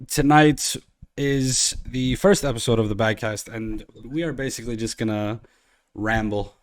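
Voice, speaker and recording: A man's voice: mid-range voice, steady tone, unhurried. A man hosting a casual podcast with friends, rambling with lots of fillers and swearing, from Iceland. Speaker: podcast host and streamer.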